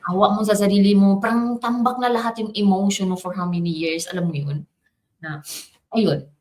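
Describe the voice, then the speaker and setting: A woman in the middle of her own story, speaking with lively feeling as she moves between languages mid-sentence. Her voice sits at an ordinary middle pitch, and the delivery is relaxed and conversational, like a coach sharing a personal journey. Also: normal speed. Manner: animated, switching between Tagalog, English and Japanese. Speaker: business coach. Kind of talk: personal testimony, casual storytelling.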